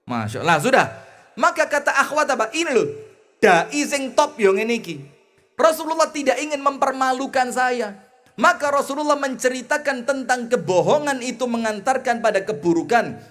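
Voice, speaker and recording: A man with a Javanese accent preaching a lively sermon, chanting Arabic phrases slowly and then explaining them in a chatty, folksy way, swinging between loud emphasis and soft asides. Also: very high voice. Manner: folksy, mixes in homely jokes. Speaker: Islamic preacher.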